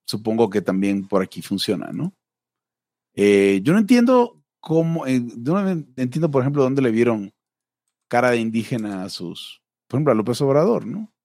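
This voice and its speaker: Mexican guy on a podcast, thinking out loud, lots of "este", dry close mic. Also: medium pitch, very animated, moderate pace, no room sound. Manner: musing, hesitant with fillers. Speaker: podcast co-host. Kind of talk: casual chat.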